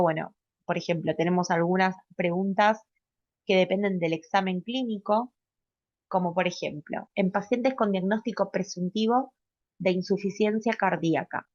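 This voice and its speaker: A woman's voice: lowish voice, no echo, dull audio. A woman giving a recorded medical class lecture, explaining step by step and often checking in with a rising "¿sí?". She uses fillers and corrects herself mid-word. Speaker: pediatric residency lecturer.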